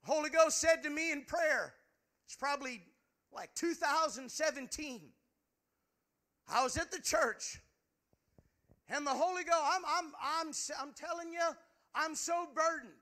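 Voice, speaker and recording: A man's voice: very high voice, measured pace, long pauses, bright, forceful tone. A male preacher giving an impassioned sermon in a church, earnest and stammering over repeated words. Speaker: preacher, pastor.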